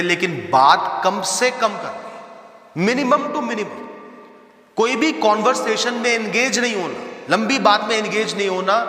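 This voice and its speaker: A man's voice: high voice, sharp tone. A man giving a motivational talk, speaking emphatically and directly to the listener as he lays out instructions. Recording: echoey hall with long reverb.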